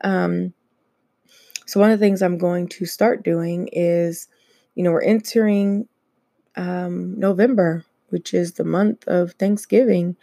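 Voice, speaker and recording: A woman hosting a casual solo podcast, chatting with plenty of fillers and easy laughs. Her voice is low, dark and gravelly, with a bit of fry. The sound is close and dry. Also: fairly even intonation, slow pace, dry recording. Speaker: podcast host.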